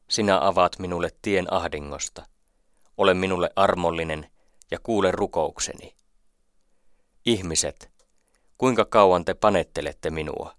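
Deep-voiced man reading psalms solemnly. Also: fairly bright tone, dry recording, clean studio sound. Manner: slow, measured, solemn recitation. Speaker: scripture reader. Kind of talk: scripted Bible reading.

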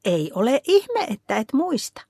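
A woman voicing a patient mother who speaks softly and soothingly to her young son in a storybook reading. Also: high-pitched, big pitch swings, husky, no room sound, clean studio sound, pitched above the performer's own voice, heavily acted. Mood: gentle.

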